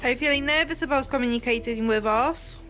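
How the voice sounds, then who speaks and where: A woman gently asking questions aloud, slow and coaxing, during a ghost hunt. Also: sits high, soft background music. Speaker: paranormal investigator. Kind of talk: calling out questions to spirits.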